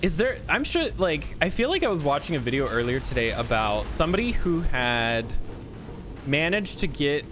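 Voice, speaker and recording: A man's voice: a little high, very animated, normal speed, background noise. A man giving casual gaming commentary as a streamer, informal, rambling and sweary. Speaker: video game streamer.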